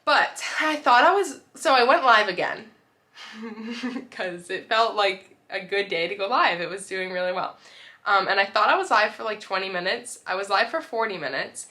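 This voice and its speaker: A young woman with a New England accent, chatting excitedly to camera about her small business day, her voice going hoarse from talking. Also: medium pitch, normal speed. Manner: excited, chatty, rattling off numbers. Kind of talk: casual vlog talk to camera.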